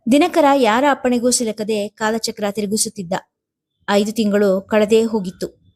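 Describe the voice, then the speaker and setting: A woman narrating a serialized family drama in a measured, expressive reading. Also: mid-range voice. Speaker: storyteller.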